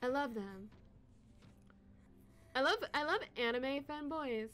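A young woman streaming games from home into a desk microphone, loud and excitable, shrieking and swearing as she plays. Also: high voice, slow pace. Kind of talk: live game streaming. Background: game music.

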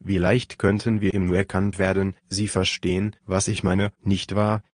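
Man reading a calm commanding adventurer, deep, dry, measured. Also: no room sound. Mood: firm. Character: calm, decisive male adventurer leading the search. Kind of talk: audiobook reading.

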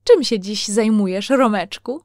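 A woman hosts a children's programme, playfully telling stories and addressing her young listeners directly. Her mid-range voice is unhurried, and the studio-quality recording has no echo.

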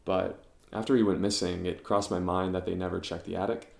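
An actor playing a curious young podcaster-investigator who narrates and questions in a measured way in an audio drama. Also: male voice, deep voice, level tone, creaky, a little mellow, no room sound. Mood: pondering.

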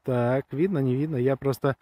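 On a grassy hillside lined with pines, a vlogger films himself on a handheld phone, enthusiastically rambling in slang about a walkie-talkie he's reviewing. He speaks at a normal speed in a steady, dark, mid-range voice.

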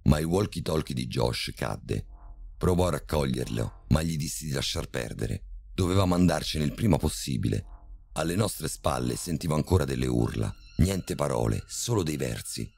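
A man narrating a horror story in a measured, tense storytelling manner. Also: extremely low pitch, creaky, a little mellow, slightly rough.

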